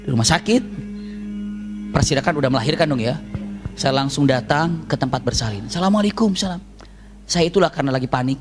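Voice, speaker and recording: A man preaching and telling a personal story in a lively, humorous way, acting out dialogue and making sound effects. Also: fairly high pitch, brisk, pauses often, faint music behind.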